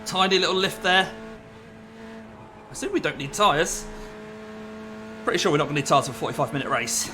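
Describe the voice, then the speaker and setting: High-voiced man commentating over engine noise. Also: animated, brisk, long pauses. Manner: chatty, thinking aloud. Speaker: sim racing driver and commentator. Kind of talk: casual running commentary while racing. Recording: clear car engine noise behind. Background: racing car engine.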